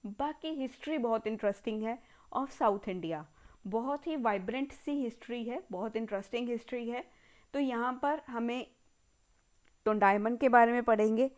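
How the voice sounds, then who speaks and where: A woman with an Indian accent giving an exam-prep history lecture, slowly repeating key terms as if dictating and mixing Hindi with English words. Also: on the high side. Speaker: history teacher.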